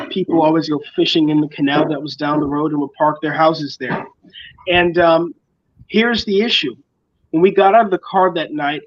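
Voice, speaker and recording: A young man from the Bahamas lays out his campaign with confident, speech-like conviction. His voice sits a little high. The recording is dull and lo-fi. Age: young adult. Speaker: school board candidate. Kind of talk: campaign interview.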